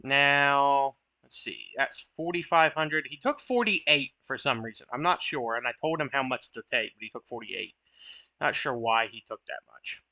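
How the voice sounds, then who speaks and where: Here a young man narrates his own card game matches in a chatty, offhand way, poking fun at his own mistakes. His voice sits at a medium pitch, expressive and creaky with a sharp edge, at a normal speed with no echo. He comes across as talkative and self-mocking, with the odd curse word.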